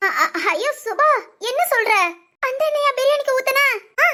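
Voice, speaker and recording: A woman voicing an excitable young wife in a cartoon family comedy, given to whiny, giggly complaints. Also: very high voice, moderate pace, full character voice. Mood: fretting. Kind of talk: cartoon voice acting.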